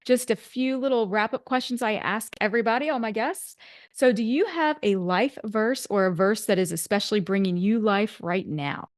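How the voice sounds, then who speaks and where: A woman's voice: medium pitch, normal speed, no room sound, clean studio sound. A woman hosting a faith podcast who asks wrap-up questions and affirms her guest often. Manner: affirming, frequent encouraging interjections. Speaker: podcast host. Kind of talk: interview host.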